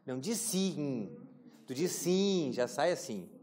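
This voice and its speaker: Guy teaching a class, jokey, keeps asking the room questions, kinda high voice. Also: very animated, slow, darkish tone. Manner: casual, joking, asks the class questions. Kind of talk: classroom lecture.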